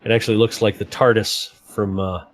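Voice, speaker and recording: A man's voice: fairly low pitch, little pitch movement, moderate pace, dry recording. A man hosting a casual livestream, joking and laughing often while he rambles about fixing his computer. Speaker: livestream host. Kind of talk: casual stream chat.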